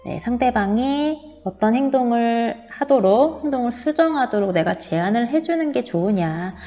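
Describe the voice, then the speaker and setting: A woman's voice: on the high side, animated, moderate pace, warm tone, faint music behind. Woman teacher lecturing in a reverberant room. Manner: explaining step by step, acting out quoted lines. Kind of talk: recorded online class lecture.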